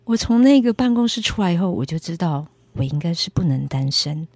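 Female evangelist guest, earnest testimony storyteller, husky tone, dry close sound. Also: fairly low pitch, animated, fairly quick, a little mellow, no room sound. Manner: earnest storytelling with acted quotes. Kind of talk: personal faith testimony.

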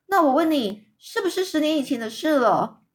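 A woman's voice: sits high, sing-song, normal speed, voice pushed up. A woman voicing a ragged old beggar woman, a grieving mother who pleads tearfully, in a children's storybook reading. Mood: questioning.

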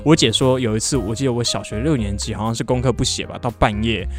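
A man telling stories in casual podcast chat, brisk and expressive. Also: medium pitch, soft background music. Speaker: podcast co-host.

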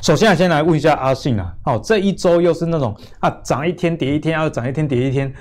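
A man's voice: a little high, quick pace, darkish tone. A man with a Taiwanese accent, presenting a finance show in a conversational way as its host.

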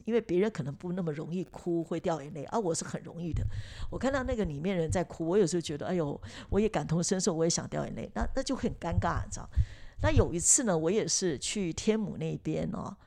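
Gravelly-voiced woman chatting reflectively. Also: lowish voice, expressive, quick pace, mellow. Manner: reflective, chatty, many fillers and restarts. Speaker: podcast host. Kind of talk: casual chat.

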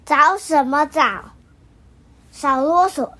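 A woman voicing a short-tempered grumpy man in a storybook reading, shouting and snapping in a drawn-out way. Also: high-pitched, voice pushed up, full character voice. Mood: yelling angrily.

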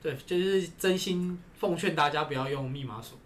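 A man's voice: fairly high pitch, normal speed. A man, casually telling stories from his gym job, often agreeing with "对". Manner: relaxed storytelling with frequent "对". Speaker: gym employee sharing stories. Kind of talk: casual podcast chat. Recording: faint background noise.

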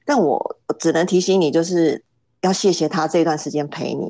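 A woman's voice: deep voice, moderate pace, mellow, dry recording. A middle-aged woman, a podcast guest telling a family story casually, hesitant, often repeating words as she starts.

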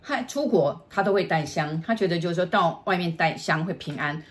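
A middle-aged woman with a Taiwanese Mandarin accent tells a ghost story in a casual, vivid way. Her voice sits low and she often stops, restarts and repeats words as she builds the scene. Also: a little fast. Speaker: storyteller, the host's mother.

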